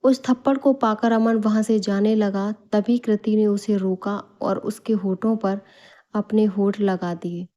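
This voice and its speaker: A woman storyteller in scripted narration, reading a bedtime story calmly and evenly. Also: mid-range voice, unhurried.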